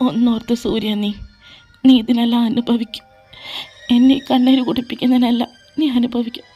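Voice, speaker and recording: A woman's voice: fairly high pitch, little pitch movement, normal speed, mellow, close to an everyday voice. A woman voicing a heartbroken young man in a fan audio drama, pleading and tearful. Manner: pleading, crying out in protest. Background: faint background music.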